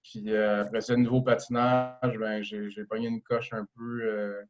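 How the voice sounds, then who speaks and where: A man in his thirties with a Québécois French accent, talking casually as a podcast guest, relaxed and hesitant with many fillers and restarts. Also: lowish voice, unhurried, muffled recording. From Quebec. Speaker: guest, professional hockey player.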